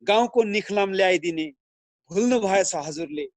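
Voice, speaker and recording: A man reciting his own poem in a slow, earnest recital, speaking over a video call. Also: high-pitched, no echo. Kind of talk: poetry recitation.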